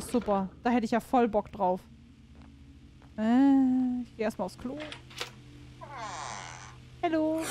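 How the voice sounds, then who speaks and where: A woman's voice: medium pitch, darkish tone, a little hiss or hum. A woman giving casual let's-play commentary on a horror game, chatting to herself and viewers, cursing and exclaiming when something startles her. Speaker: gaming streamer.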